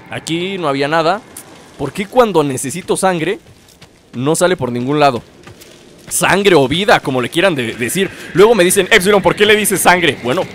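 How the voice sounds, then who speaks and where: A high-pitched young man, narrating his game and taunting enemies with playful shouts. Loud game music runs under his voice. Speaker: gameplay commentator. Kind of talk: casual gameplay commentary.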